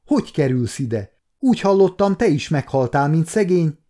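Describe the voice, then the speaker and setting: A man voicing a young male nobleman who fires off excited questions. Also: a little high, pitched above the performer's own voice. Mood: surprised. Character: young nobleman, surprised and eager.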